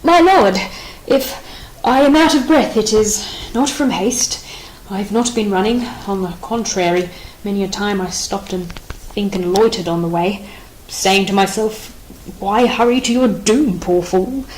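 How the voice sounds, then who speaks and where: A woman's voice: medium pitch, unhurried, lightly acted, low-quality recording. Woman playing a nervous rambling sentry. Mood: anxious. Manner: rambling, anxious, excitable. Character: nervous, rambling male soldier on guard. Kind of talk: audiobook play reading.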